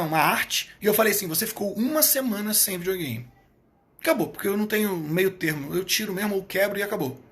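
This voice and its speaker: A middle-aged man with a fairly high voice talks on a live stream in a blunt, emphatic way. He hammers his points by repeating them and drops casual swear words. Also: fairly bright tone. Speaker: live stream host, therapist coach.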